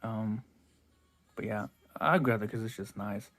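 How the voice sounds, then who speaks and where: A man's voice: on the low side, a little slow, a bit bright. A man chatting casually as he unboxes toy cars for his vlog, rambling and restarting his sentences a lot. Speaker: toy car collector vlogger.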